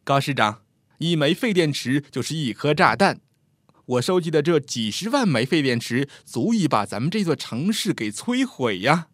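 A man's voice: fairly high pitch, very animated, moderate pace, no room sound, clean studio sound. A man voicing a confident young man who speaks frankly and cheerfully in a told story. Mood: earnest.

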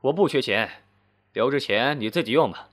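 A man's voice: mid-range voice, lively intonation, normal speed, a bit bright. A man voicing a proud, stubborn man in his fifties. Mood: firm. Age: 50s. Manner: blunt, boastful retorts. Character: stubborn proud fifty-year-old man, touchy about his age.

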